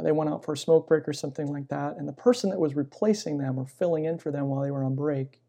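A middle-aged man, a chaplain being interviewed, telling personal stories in a reflective, conversational way with pauses mid-phrase. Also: a little high, vocal fry, warm tone. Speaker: military chaplain and pastor, interview guest. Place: inside a church.

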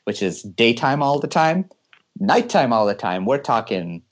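A man's voice: medium pitch, sing-song, unhurried. A man from California, a guest engineer giving eager, explanatory interview answers and laughing often as he talks.

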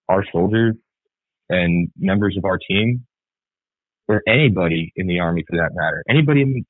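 An Army sergeant who wrote an article appears as a guest on a candid podcast, speaking earnestly and reflectively with fillers and repeated words. His low voice has a breathy edge, and the dry recording sounds tinny, like a phone line.

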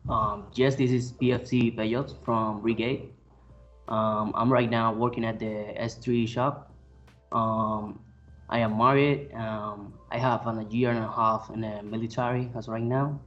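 A man's voice: lowish voice, flat delivery, unhurried, a bit bright, muffled recording, faint music behind. A young man from Puerto Rico, a soldier, introducing himself hesitantly with many fillers.

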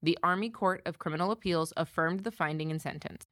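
Woman, American accent, lowish pitch, formal scripted explanation, no room echo. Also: fairly quick, fairly bright tone, clean studio sound. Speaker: podcast co-presenter, military lawyer.

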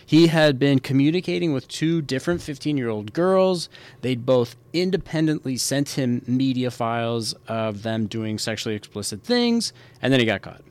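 A man's voice: medium pitch, animated, moderate pace, a little mellow, clear, resonant tone. A man hosting a podcast, explaining legal points in a casual, conversational way and repeating key points for emphasis. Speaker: podcast host, military lawyer.

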